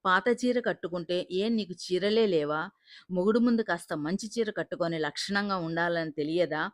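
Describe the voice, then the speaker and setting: A woman's voice: lowish voice, normal speed, no room sound, clean studio sound, lightly acted. A woman reading the part of a jealous, cruel young husband who taunts his wife with suspicious questions. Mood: cruel scolding.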